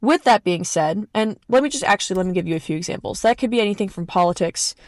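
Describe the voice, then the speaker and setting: A young woman hosting a podcast alone, talking casually and animatedly into a close mic, with chatty asides and quick self-corrections. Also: medium pitch, expressive, no room sound. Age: young adult. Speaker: podcast host. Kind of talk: casual solo podcast talk.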